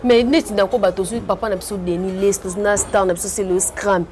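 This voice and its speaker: A woman hosting a casual chat, giving soft replies and upbeat praise. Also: medium pitch, steady tone, brisk, a little hiss or hum.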